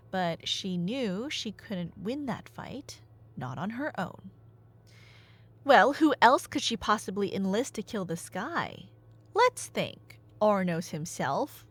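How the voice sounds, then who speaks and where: With a medium-pitched, slightly bright voice, a woman plays a nerdy girlfriend in an audio roleplay. She chats her way through Greek myths with excitement, telling them casually and adding playful asides to someone unheard.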